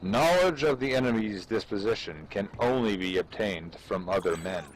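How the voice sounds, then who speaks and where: An amateur reader with a lowish, lively voice and moderate pace performs for a live audience of gamers. He gives a theatrical, portentous dramatic reading of an ancient military treatise, adding playful asides, with clearly noisy background sound.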